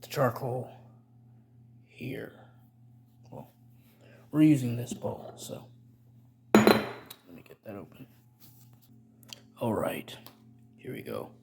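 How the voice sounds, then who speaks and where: A man's voice: mid-range voice, big pitch swings, takes it slowly, creaky, pauses often, in a whisper, full character voice. A man playing a rambling, stammering middle-aged chemist cook in a comedic how-to tutorial. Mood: dry, instructive. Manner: rambling, stammering, self-correcting.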